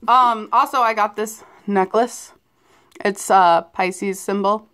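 A woman's voice: medium pitch, slow, fairly bright tone. A young woman chatting casually and giggling through a shopping haul video. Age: young adult. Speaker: vlogger.

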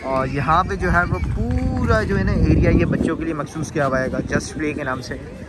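A man's voice: a little high, moderate pace, loud music behind the voice. A young man from Pakistan, chatting casually as he walks and films himself at night. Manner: chatty, fills with "jo hai wo" constantly. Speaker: vlogger. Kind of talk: casual walking vlog. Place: outdoor city streets and beach at night. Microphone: phone held at arm's length.

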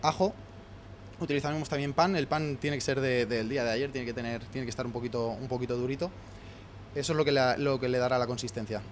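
Chef in his 30s, rapid halting explanation, handheld mic in a kitchen, faint background hum. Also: mid-range voice, steady tone. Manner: fast, many restarts and fillers while listing ingredients. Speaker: head chef. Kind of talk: explaining a recipe on camera. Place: restaurant kitchen, indoors. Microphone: handheld mic held by interviewer.

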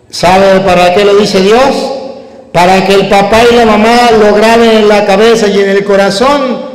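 Man, priest, high voice, emphatic sermon, rhetorical questions, echoey church hall. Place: church during a wedding mass.

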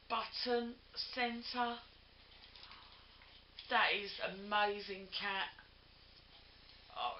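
A woman unboxing a gift on a craft vlog, gushing and effusive, with lots of breathy "oh"s. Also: mid-range voice, slight background noise. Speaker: crafting vlogger. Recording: lo-fi home video, roomy.

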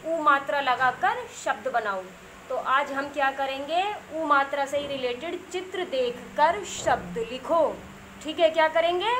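A woman teaching young children a primary school lesson, spelling each word slowly sound by sound, asking questions and repeating the answers. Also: high voice, a bit bright, a little hiss or hum.

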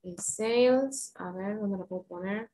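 A woman's voice: mid-range voice, mellow, rough recording. A woman with an Argentine accent teaching English online, patiently modeling words and coaching pronunciation. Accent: Argentine Spanish. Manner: patient, slow and encouraging, models words carefully.

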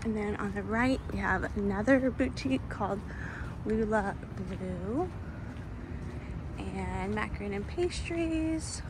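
Woman, casual filler-heavy chat, tired, phone audio outdoors, clear traffic noise. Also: mid-range voice, lively intonation, takes it slowly. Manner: chatty, filler-heavy, laughs often. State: tired and thirsty. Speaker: realtor giving a walking tour. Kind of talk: casual walking tour vlog. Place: outdoor shopping center plaza. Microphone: handheld phone camera while walking. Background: traffic and outdoor ambience.

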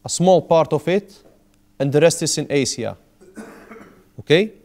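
Working through each word with patience, repeating and explaining it, an Arabic teacher in his thirties runs a language class in a small indoor classroom with a whiteboard. He speaks at a measured pace in a slightly mellow voice on the high side.

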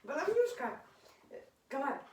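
A woman's voice: high voice, very animated, measured pace, far from the mic, crowd noise. A woman at home talking to her dog in playful, teasing baby talk and laughing often, recorded on a phone camera held away from her. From Ukraine. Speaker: dog owner. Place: at home indoors. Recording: roomy, from off-mic, faint noise.

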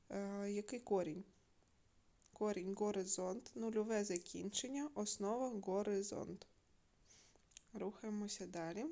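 Woman teacher, mellow tone, slow careful dictation for a recorded class lesson. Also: medium pitch. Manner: slow, clear, syllable-by-syllable dictation. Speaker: primary school teacher.

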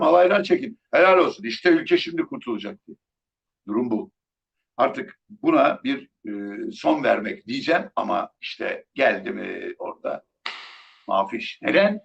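A man's voice: medium pitch, a bit bright, dull audio. A middle-aged man from Turkey giving a heated, sarcastic live political commentary, scolding and mocking as he talks.

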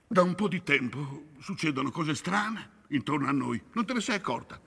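A man's voice: fairly high pitch, lively intonation, moderate pace, gravelly, fairly bright tone, husky, full character voice. An actor on a theatre stage playing a confused, stubborn elderly father who talks insistently in bewildered bursts. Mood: uneasy, confused. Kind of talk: stage play acting.

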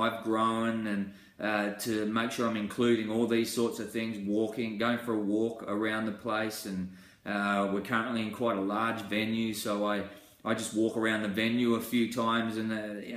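A man's voice: fairly low pitch, reverberant. A man presenting a small-group life course, earnest and chatty, talking to a desk webcam with many fillers and restarts. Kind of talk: small-group teaching talk. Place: indoor room with wall pictures.

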